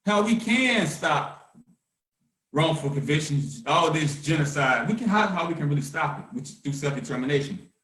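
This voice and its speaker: A man's voice: a little high, normal speed, recorded from a distance, slight background noise. Fiery man, roomy echo. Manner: fiery, swinging from shouting to hushed calm. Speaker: host of a conference call. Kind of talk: impassioned activist talk.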